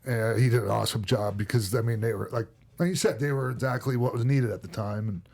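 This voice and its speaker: Middle-aged minnesota guy rambling through old stories on a podcast, lots of ums and restarts, regular mid pitch. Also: fast talker, creaky, darkish tone. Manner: rambling, many restarts and fillers. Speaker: podcast host and former wrestler. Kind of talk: casual podcast storytelling.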